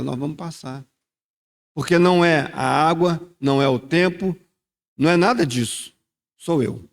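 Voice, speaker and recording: A church leader with a medium-pitched voice and some vocal fry gives a short communion sermon. He then prays aloud in a reflective tone, repeating "Senhor" often.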